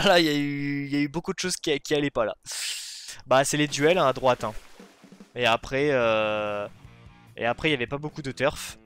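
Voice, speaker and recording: A man giving live commentary on his own online match, excitable, shouting at plays and then talking himself down, on a desk or headset mic. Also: mid-range voice, normal speed, clean tone, soft background music. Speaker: gaming video host.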